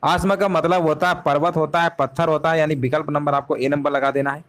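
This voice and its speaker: A man's voice: fairly high pitch, steady tone, a little fast, a bit bright. A man teaching a live online exam-prep class, explaining each answer step by step and often repeating himself with rhetorical questions.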